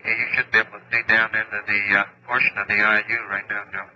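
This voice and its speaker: A man's voice: lowish voice, level tone, fast talker, pushed and bright, muffled recording. A man in a spacecraft giving clipped radio reports to the ground, heard over a breaking-up space radio downlink. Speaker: astronaut. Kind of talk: clipped radio procedure talk.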